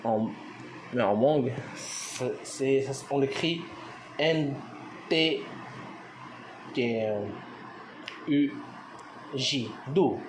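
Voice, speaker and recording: Speaking extremely slowly with long pauses, a mid-range male language teacher runs an informal lesson over background noise. His delivery is hesitant and full of fillers, and he spells words letter by letter.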